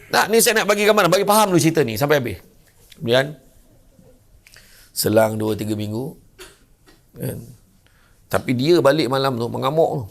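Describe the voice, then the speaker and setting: An older man with a Malaysian Malay accent gives a lighthearted religious talk. He spins everyday stories and slips into the voices of the people in them. His mid-pitched voice carries a gravelly edge. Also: moderate pace, pauses often. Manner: lively storyteller who acts out characters. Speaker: religious lecturer. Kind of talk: humorous sermon. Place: lecture venue.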